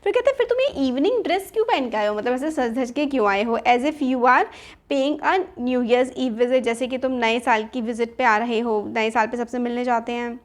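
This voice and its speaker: Woman teacher explaining a play in Hindi. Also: a little high. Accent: Indian. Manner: reads English lines slowly and explains them in Hindi. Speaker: English teacher. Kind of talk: line-by-line lesson explanation.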